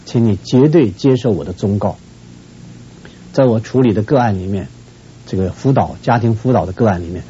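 A man from Shenyang, a family counselor giving earnest, admonishing advice to viewers. His pitch jumps up sharply whenever he stresses a point. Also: normal speed, dark tone, highs cut off, slight background noise. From Shenyang, northeast China. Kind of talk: advice talk to a viewing audience.

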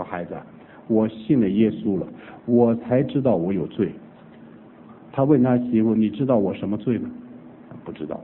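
A man preaching, telling a family conversion story with lively acted-out dialogue. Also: fairly low pitch, slight background noise. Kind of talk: sermon testimony storytelling. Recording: tinny phone-like old recording.

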